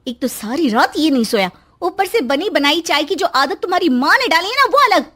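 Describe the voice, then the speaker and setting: A complaining young daughter-in-law from a cartoon story, voiced by a woman. She scolds and nags impatiently. Her voice is high and shrill. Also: very animated, a little fast, bright, forceful tone, full character voice. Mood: scolding.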